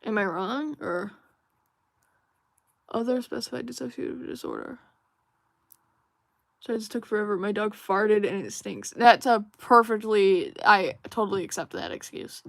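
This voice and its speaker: Young female streamer, casual chatter while drawing, meandering and filler-heavy, close dry sound, middle-pitched. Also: moderate pace, creaky, long pauses, no room sound. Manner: rambling, musing, many fillers and restarts; reads viewer chat aloud. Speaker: livestream host.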